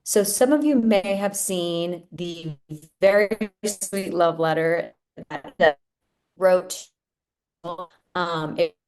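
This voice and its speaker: A woman speaks through glitchy video call audio that keeps breaking up. Her voice sits a little low, and she sounds upbeat and friendly, with plenty of ums as she presents. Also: slow, darkish tone, smooth. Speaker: partner presenter at a staff webinar. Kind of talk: casual virtual presentation.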